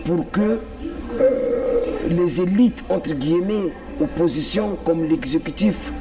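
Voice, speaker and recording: Speaking slowly and expressively in a high register, a Congolese activist makes his case as a guest on a political television interview. He's earnest and circles back to his points to stress them. He hails from the Republic of the Congo, and his distant microphone captures music playing clearly behind him.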